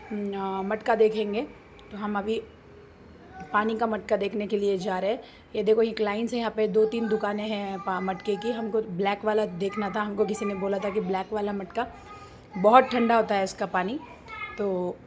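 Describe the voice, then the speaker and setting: Woman, 30s, casual vlog narration, chatty storytelling, filler pauses, faint background noise. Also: medium pitch, darkish tone. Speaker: family vlogger.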